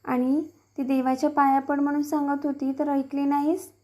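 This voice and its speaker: A woman's voice: high voice, little pitch movement, normal speed, darkish tone, close to an everyday voice. A woman reading the lines of a village father who raises his voice at his son over a lie. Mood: angry. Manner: raised, commanding. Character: angry then gentle village father.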